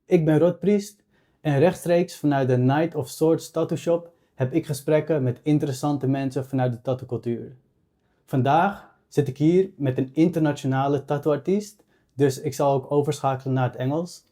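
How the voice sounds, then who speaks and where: A man with a Dutch accent hosting a casual interview, relaxed and filling his talk with "like" and short affirmations. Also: a little high, moderate pace. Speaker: podcast host and tattoo artist. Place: tattoo shop.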